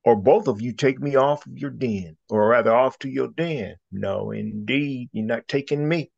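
A man voicing a cheerful, clever old rabbit gentleman in a storybook, high and excited. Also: normal speed, vocal fry, husky. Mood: cheeky. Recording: dull lo-fi recording.

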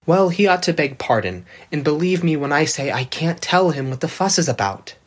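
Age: young man. Figure: a woman doing an indignant hot-tempered youth. Quality: husky, lowered. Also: very animated, normal speed, exaggerated voice. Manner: sulky, defiant.

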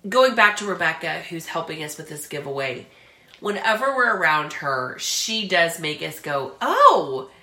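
A woman co-hosting a casual podcast, effusive and quick to affirm. Her voice is bright and forceful. The recording has a noticeable room echo. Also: sits low. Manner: effusive, affirming, bursts into excited squeals. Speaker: podcast co-host.

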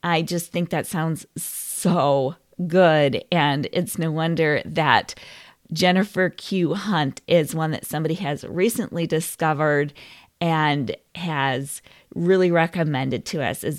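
Chatty woman podcast host, low voice. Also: takes it slowly, no room sound, clean studio sound. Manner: enthusiastic, chatty. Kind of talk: casual book recommendation talk.

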